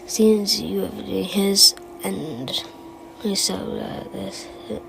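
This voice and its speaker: In an amateur recording with clear background noise, a woman with a medium-pitched voice recites a fan take on a game character's voice lines. She plays a rambling, forgetful storyteller who muses on odd small memories, her delivery wistful, halting, digressive, and stammering as the tale wanders.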